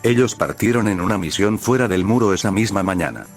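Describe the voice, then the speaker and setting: A man reading his own fan fiction aloud as storyteller, in a plain, even way. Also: fairly low pitch, a little fast, faint music behind.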